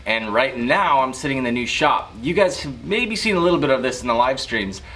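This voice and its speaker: A man's voice: medium pitch, animated, fairly quick, sharp tone, poor audio. A young man chatting casually to the camera in an informal, easygoing way as a vlogger. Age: young adult. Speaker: vlogger, automotive lighting shop owner. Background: music.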